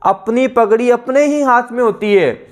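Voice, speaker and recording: A man with a fairly high voice and a Rajasthani accent, teaching an exam-prep lesson. He repeats each answer and runs through word lists in a steady, drilling rhythm. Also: measured pace, clean tone.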